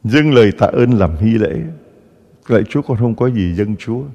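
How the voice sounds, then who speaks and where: A man's voice: fairly low pitch, normal speed, dull audio. Priest guy giving a sermon, voice jumps all over, long echo in the church. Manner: animated storytelling, acting out gossiping voices.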